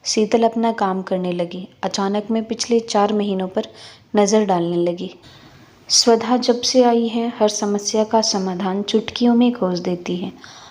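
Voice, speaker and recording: Calm woman storyteller in her fifties. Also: medium pitch, a little slow. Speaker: narrator. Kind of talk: first-person storytelling.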